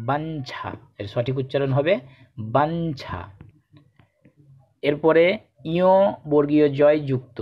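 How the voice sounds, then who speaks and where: A man teaching a pronunciation lesson, who speaks slowly and deliberately and repeats each example word as a drill. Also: a little high. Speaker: Bengali teacher. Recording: dull lo-fi recording.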